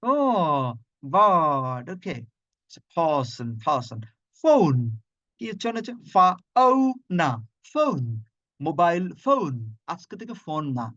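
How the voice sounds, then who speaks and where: Slow, drilling Bangladeshi man teaching. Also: fairly high pitch, fairly bright tone, no echo, lo-fi sound. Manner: repeats words slowly in drills, spells out sounds. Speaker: phonetics lecturer. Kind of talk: online pronunciation lesson. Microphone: video call.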